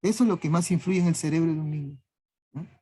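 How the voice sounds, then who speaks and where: Teacher lecturing with a "¿no?" after each phrase. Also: male voice, a little high, fast, mellow, slightly rough. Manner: tags nearly every phrase with a questioning "¿no?"; lists traits one word at a time. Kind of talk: classroom lecture.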